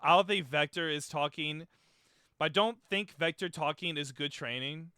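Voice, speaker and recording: A man reacting casually on a livestream, excitable and slangy, prone to exclaiming. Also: fairly high pitch, normal speed, clear, resonant tone, no echo, clean studio sound. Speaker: streamer.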